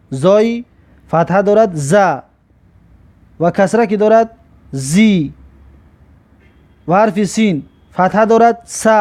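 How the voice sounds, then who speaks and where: Tajik-accented male teacher, high voice, patient and repetitive, sounding out letters one by one. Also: dark tone. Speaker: Arabic alphabet teacher. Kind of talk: recorded alphabet lesson.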